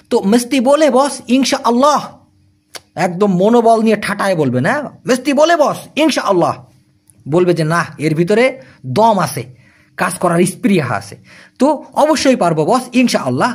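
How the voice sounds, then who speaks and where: A man whose first language is Bengali, teaching Malay job-interview phrases and repeating each one slowly. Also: high voice.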